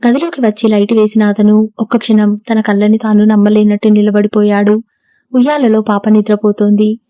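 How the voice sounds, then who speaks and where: Woman narrator, novel audiobook, even and mellow, dry dull mic. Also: medium pitch, normal speed, smooth, no echo. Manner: steady, even storytelling.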